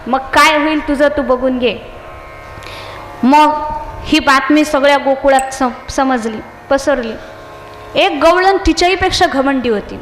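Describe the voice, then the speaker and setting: Very high-voiced woman doing a devotional katha, echoey hall with long reverb. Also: a little slow, pauses often. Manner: lively, animated, voices the figures. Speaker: Bhagavat Katha storyteller. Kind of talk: devotional storytelling sermon. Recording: echoey hall, faint background noise.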